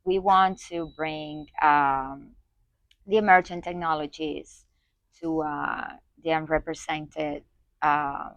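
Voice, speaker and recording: Female guest, low register, hesitant conversational delivery, dry close recording. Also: steady tone, slow pace, fairly bright tone, no echo, dull audio. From Spain. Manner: hesitant, many fillers and restarts. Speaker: guest, community organizer. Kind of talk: conversational interview.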